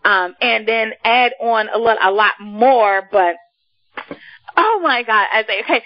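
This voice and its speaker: A woman's voice: on the high side, a little slow, no room sound, lo-fi sound. A woman with a Washington, D.C. accent chats casually as an effusive, emphatic talk show host.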